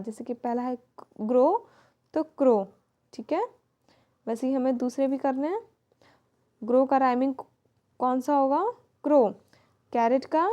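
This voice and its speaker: A woman's voice: high-pitched, a little mellow, muffled recording. A woman teacher explaining a children's lesson, spelling words out letter by letter. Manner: reads English lines slowly, spells words letter by letter.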